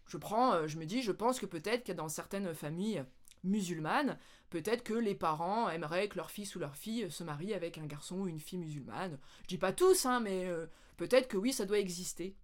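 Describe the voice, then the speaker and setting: A French woman vlogging, telling anecdotes in a casual, animated way with lots of laughter. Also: on the low side, a little fast. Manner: animated, laughing, with playful English mimicry. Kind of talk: casual storytelling.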